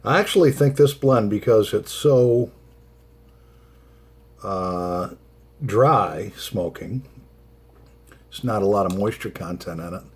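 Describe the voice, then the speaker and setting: Guy rambling slowly about pipe tobacco, kinda low voice, casual and halting, bit of noise behind him. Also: lively intonation, slightly rough. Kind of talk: casual solo vlog chat with rambling asides.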